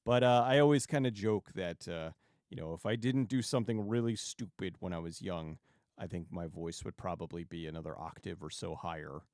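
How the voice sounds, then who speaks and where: A man hosting a livestream and chatting casually with viewers in a rambling, halting way, often restarting sentences and digressing. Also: low voice, darkish tone, dry recording, clean studio sound. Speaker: YouTube livestream host.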